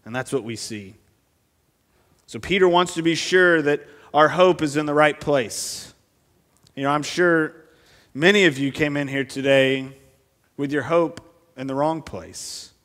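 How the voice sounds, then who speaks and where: A man's voice: fairly high pitch, unhurried, a bit bright, long reverb tail. A man preaching an expository sermon at a pulpit microphone in a church, speaking earnestly and asking the congregation many rhetorical questions.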